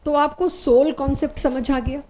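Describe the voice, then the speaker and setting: A woman teaching a chemistry class, her voice sitting a little high. She explains concepts step by step and gives short, firm commands to her students. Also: steady tone, moderate pace, mellow. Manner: explains step by step, mixing Hindi and English terms. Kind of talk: recorded online lecture.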